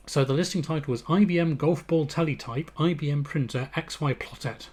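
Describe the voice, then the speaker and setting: A man's voice: on the high side, fairly quick, darkish tone. An English man hosting a live stream, chatting casually and rambling with lots of fillers and restarts. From England. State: out of breath. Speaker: livestream host.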